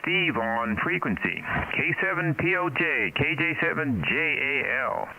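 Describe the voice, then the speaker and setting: A middle-aged man running an amateur radio net as control operator, talking haltingly and procedurally over a two-way radio with static. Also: fairly high pitch, lively intonation, pushed and bright. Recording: hissy, narrow-band radio with static. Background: radio hiss and static.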